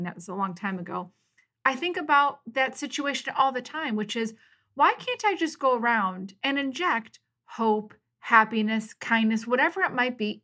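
A middle-aged woman hosting her own podcast, talking through a personal story in an encouraging, storytelling way. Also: on the high side. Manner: warm, encouraging, storytelling with lively quoted voices. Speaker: podcast host. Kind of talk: casual solo podcast monologue.

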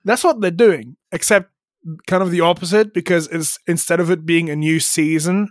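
A man's voice: on the high side, fairly even intonation, moderate pace. A man co-hosting a podcast, chatting casually in a blunt, sarcastic way. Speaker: podcast co-host. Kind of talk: casual chat.

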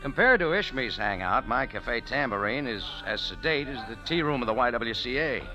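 This 1940s-style radio piece has a man playing a wisecracking cafe owner narrating his own exploits, tough, wry and quick with a quip. His mid-range voice is animated yet close to everyday speech, and music plays underneath.

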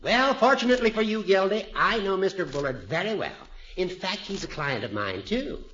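An actor playing a wily, teasing old judge in 1950s radio comedy, smooth-talking and mock-solemn. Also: male voice, sits high, animated, brisk, fairly bright tone. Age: older. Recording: dull, noisy 1950s radio recording.

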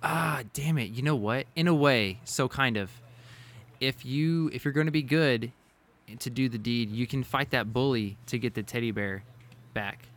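A man's voice: medium pitch, moderate pace, a bit bright. A man running a casual quiz among friends, rambling with restarts and frequent laughs. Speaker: quiz host. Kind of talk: casual gaming chat.

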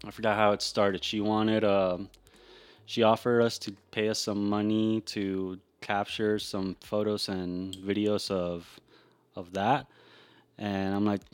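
A man hosting a podcast, talking in a relaxed, rambling way with frequent restarts. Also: fairly low pitch, takes it slowly, clean tone, dry recording. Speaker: podcast host. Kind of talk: casual podcast chat.

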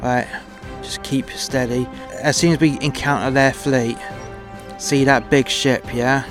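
A man acts out a gung-ho starship captain for an audio drama. He is commanding yet informal, reckless and cocky, swearing freely. Music plays clearly behind his voice. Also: medium pitch, steady tone, measured pace, natural voice. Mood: cocky, explaining.

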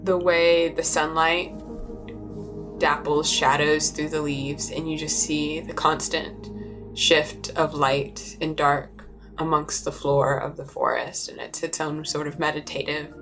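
A woman serves as game master for a tabletop role-playing game, narrating in a relaxed, descriptive way with fillers. Her voice is low and unhurried, heard over music.

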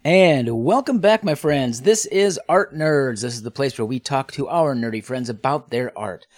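A man's voice: medium pitch, moderate pace, darkish tone, no room sound. A man hosts a casual podcast interview in a medium voice. His voice sits close and dry on the microphone. Faint music plays underneath. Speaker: podcast host.

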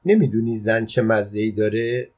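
A man's voice: lowish voice, a little mellow, lightly acted. A man reading an audiobook, voicing a teasing, coaxing woman in his own plain voice, on a dull lo-fi recording. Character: teasing, flirtatious woman at a fence.

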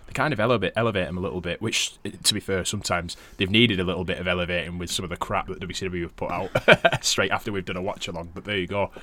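A man's voice: low voice, fairly even intonation, fast, few pauses, bright, forceful tone, a little hiss or hum. A man co-hosting a podcast in casual chat, laughing often and swearing. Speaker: podcast co-host.

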